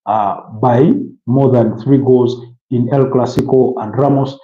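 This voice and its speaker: A man's voice: medium pitch, fairly even intonation, measured pace. Football pundit, a man in his early thirties with a middling voice, chatty and rambling, full of "uh"s and restarts. The recording is roomy and dull. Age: early 30s. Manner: rambling, many fillers and restarts, lists player names. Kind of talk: casual football talk show chat.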